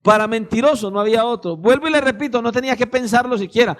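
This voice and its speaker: A man's voice: very high-pitched, fast talker, a bit bright. A man preaching a sermon as pastor, emphatic and speaking straight to his listeners. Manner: emphatic, addresses listeners directly, acts out little dialogues.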